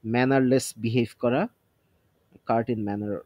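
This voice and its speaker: Guy going over vocab words out loud, dry close sound, thinks as he talks. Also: medium pitch, fairly even intonation, normal speed, no room sound, highs cut off. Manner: thinks aloud, self-testing word by word; mixes English words into Bengali explanations. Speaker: vocabulary teacher. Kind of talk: casual vocabulary study session.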